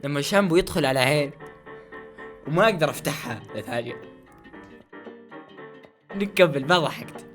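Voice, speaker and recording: Fast, high-voiced man trying not to laugh. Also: soft background music. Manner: excitable, repeats phrases over and over. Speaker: host of a try-not-to-laugh challenge video. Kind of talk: casual reaction commentary.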